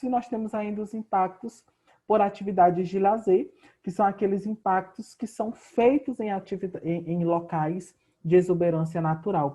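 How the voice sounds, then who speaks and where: A man's voice: high voice, a little mellow. A man with a Brazilian Portuguese accent and a sore throat, coughing often as he patiently teaches a geography lesson he records at home for his students. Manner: patient, explanatory, addresses students directly. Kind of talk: recorded remote class lesson.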